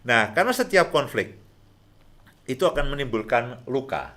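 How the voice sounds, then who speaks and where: A middle-aged man hosting a relaxed talk on marriage, chatty and repeating his points with frequent chuckles. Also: medium pitch, normal speed. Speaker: host, marriage counselor.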